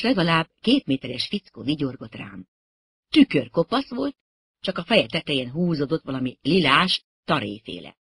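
A narrator reading a humorous first-person story aloud in a wry, expressive way, with a husky voice. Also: medium pitch, dry recording. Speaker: audiobook narrator.

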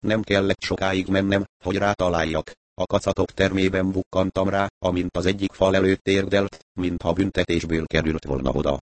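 A man narrating an audiobook in a steady storytelling manner. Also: low-pitched, hardly any pauses, dry recording. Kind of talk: scripted narration.

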